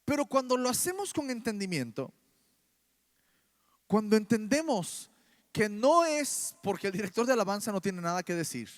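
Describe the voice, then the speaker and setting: A man with a Mexican Spanish accent preaching a sermon in church, animated and full of rhetorical questions. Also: high voice, normal speed.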